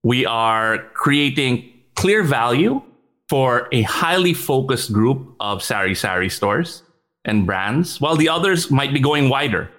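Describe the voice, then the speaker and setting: A startup executive from the Philippines, appearing as a podcast guest, talks quickly at a mid pitch with a fairly bright tone. In this casual interview chat he laughs often, trips over repeated words, and mixes into his English.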